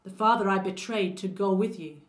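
A Lancashire woman with a Lancashire accent voices a bitter, vengeful mythic wife betrayed by her husband, delivering sarcastic, declaiming lines. Her medium-pitched voice is brisk and close to everyday speech, recorded with a roomy echo.

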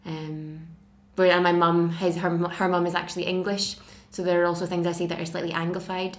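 Brief: a young Scottish woman with a Glaswegian accent, slightly low voice, reads aloud measured. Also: level tone. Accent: Glasgow Scottish. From Scotland. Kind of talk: reading a passage aloud, then casual self-introduction.

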